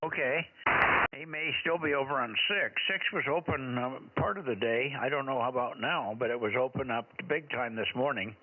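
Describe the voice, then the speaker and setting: A man talking over a two-way radio as net control, in a relaxed, chatty manner with small hesitations. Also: medium pitch, moderate pace. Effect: heard over a two-way radio. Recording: tinny radio with heavy static.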